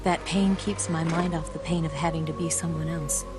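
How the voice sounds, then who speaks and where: Actress as EVA, low-voiced flirtatious game spy. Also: female voice, fairly even intonation, moderate pace, lightly acted. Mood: wistful, intimate. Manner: teasing, self-assured, intimate. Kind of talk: video game cutscene voice acting. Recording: game soundtrack music underneath.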